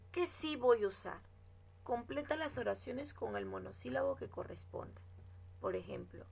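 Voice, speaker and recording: A woman's voice: medium pitch, vocal fry. A woman teacher explaining grammar rules in a classroom lesson, reading example sentences and checking in with her students. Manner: explains slowly, checks with "¿no?" and "¿de acuerdo?"; reads example sentences aloud.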